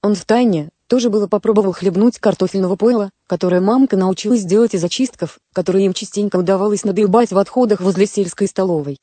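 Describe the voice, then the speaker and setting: A woman narrating a story in a steady, even manner, as in an audiobook. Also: medium pitch, fast, hardly any pauses, no room sound.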